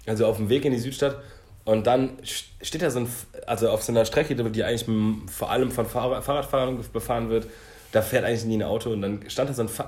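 A man, a podcast co-host, chatting casually and telling an excited story, cursing freely. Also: mid-range voice. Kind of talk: casual chat. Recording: roomy echo.

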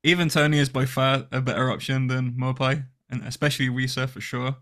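A man's voice: mid-range voice, flat delivery, a little fast, fairly bright tone. Blunt, joking British man. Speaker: podcast co-host. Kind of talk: casual podcast banter.

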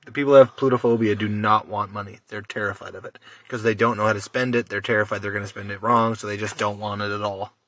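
A man's voice: on the low side, steady tone, fast, a bit bright, slight background noise. A man quizzing a friend in casual podcast banter, teasing and swearing freely. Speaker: quiz host.

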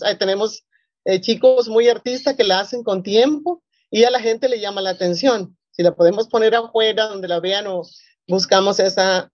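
A woman's voice: mid-range voice, a little mellow, no room sound. Woman pastor from Colombia, earnest, rambling panelist, dull dry audio. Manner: earnest, rambling with many fillers. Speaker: presbyterian pastor. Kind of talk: panel discussion.

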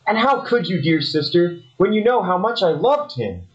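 A man's voice: high voice, sing-song, moderate pace, muffled recording. A man voicing a naive, lovesick young brother in a parody soap opera, whiny and melodramatic.

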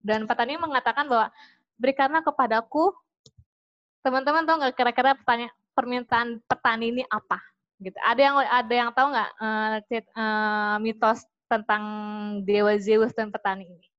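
A woman's voice: fairly high pitch, fairly even intonation, fairly quick, no echo, lo-fi sound. A woman hosting a community session, casually telling a story to the group and asking them questions, with many fillers and restarts. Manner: chatty, with many "gitu kan" fillers and restarts.

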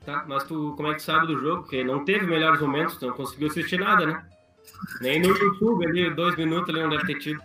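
A man's voice: on the high side, steady tone, fast talker, loud music behind the voice. A man, a panelist in a casual sports chat, blunt, profane and indignant. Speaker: podcast panelist.

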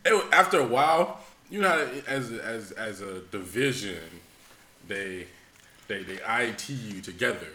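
A man co-hosting a casual podcast, telling stories with loud acted-out voices. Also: lowish voice, normal speed, reverberant, a crowd in the background. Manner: animated storyteller, acts out yelling voices. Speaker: podcast co-host.

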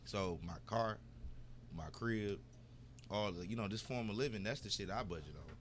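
A man's voice: on the low side, normal speed, slight background noise. A man with a Detroit accent co-hosting a podcast in casual, profane chat, acting out quoted voices. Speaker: podcast co-host.

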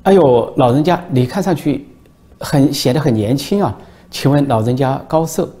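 A man's voice: mid-range voice, lively intonation, moderate pace, dark tone, pitched above the performer's own voice, lightly acted. A man voicing an eager newspaper reporter in a told joke, fawning and easily surprised.

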